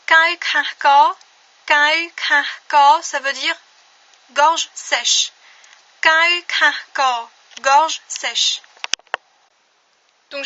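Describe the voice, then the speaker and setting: Woman, online language teacher: high, bright voice, unhurried, careful repetition of each word, slightly dull lo-fi recording.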